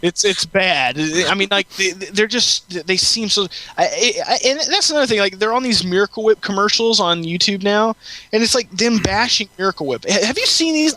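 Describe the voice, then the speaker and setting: Bright-voiced rambling male podcast host. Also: high-pitched, animated, moderate pace. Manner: rambling, restarts, ranting. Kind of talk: casual podcast chat.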